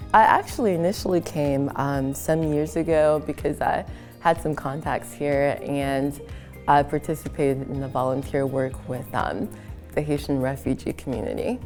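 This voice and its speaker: Relaxed woman from South Florida, low voice. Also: unhurried, faint music behind. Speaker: performing artist. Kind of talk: interview.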